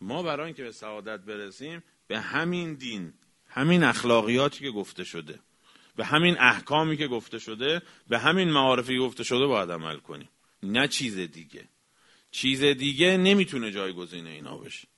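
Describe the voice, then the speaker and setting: A man delivering a religious lecture, emphatic, swinging from raised exclamations down to quiet, low remarks. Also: big pitch swings. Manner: emphatic, rising to exclamations then dropping low. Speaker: cleric.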